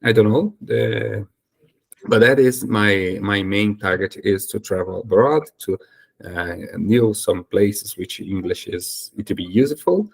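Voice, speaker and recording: A young Brazilian YouTuber learning English, whose first language is Portuguese, talks casually to camera with a Brazilian accent. His lowish voice is unhurried, with vocal fry and a breathy edge, and he hesitates a lot, using many fillers and correcting himself.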